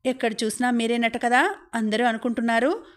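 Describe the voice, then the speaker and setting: A woman's voice: on the high side, brisk, close to an everyday voice. A woman voicing a scheming young man who mocks and needles his friend in an audiobook. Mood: taunting. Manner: mocking, needling.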